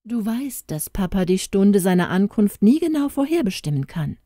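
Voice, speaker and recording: A woman reading the lines of a calm, comforting mother in a storybook, speaking in a soothing, reassuring way. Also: medium pitch, normal speed, dry recording, clean studio sound, pitched above the performer's own voice.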